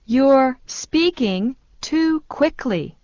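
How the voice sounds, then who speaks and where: A woman slowly and deliberately repeating short phrases for learners in a language lesson. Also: high-pitched, lively intonation, darkish tone, no room sound. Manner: very slow, deliberate delivery. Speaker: phrase reader. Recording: dull lo-fi dry sound.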